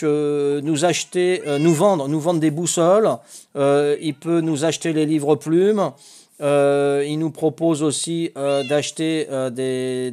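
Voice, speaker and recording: A man's voice: a little high, a little mellow, slight background noise. Older man hesitantly explaining a game. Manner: hesitant, many fillers and restarts; chatty, laughs, talks to the game characters. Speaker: gaming tutorial host. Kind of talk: casual gameplay tutorial.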